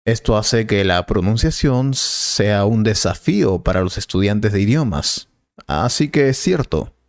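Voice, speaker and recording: A man playing a patient Spanish teacher, explaining slowly and calmly in a scripted learner dialogue. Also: fairly low pitch, dry recording, clean studio sound. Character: patient male professor, helpful and calm.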